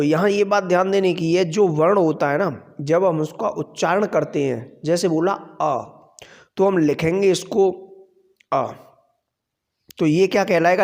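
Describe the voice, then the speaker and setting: A man teaching a grammar lesson, explaining slowly and asking questions that he then answers himself. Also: high-pitched, darkish tone. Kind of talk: classroom lecture. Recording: long hall reverb.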